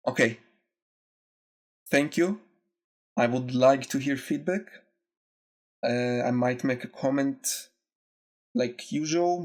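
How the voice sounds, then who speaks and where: A young man with a congested, nasal voice from being sick, speaking casually and reflectively to his viewers in short, halting phrases. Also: medium pitch. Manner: slow, halting, reflective, with pauses. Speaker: YouTube video essayist. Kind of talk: casual talk to camera.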